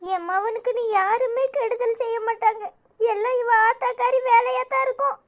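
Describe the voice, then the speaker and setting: A woman voicing a grieving, bitter older mother-in-law who laments slowly, with a Tirunelveli Tamil accent. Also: fairly even intonation. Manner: low, heavy, slow lament.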